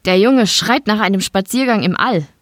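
Woman reading as smug old mob boss, calm menacing tone, dry close recording. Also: medium pitch, moderate pace, no room sound, lightly acted. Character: smug older male mafia boss.

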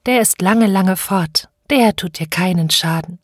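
A woman voicing a tender, frightened mother in an audiobook reading, speaking softly and soothingly. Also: fairly low pitch, a little slow, husky, no room sound, clean studio sound. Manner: soft, soothing, pleading. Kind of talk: audiobook reading of classic literature.

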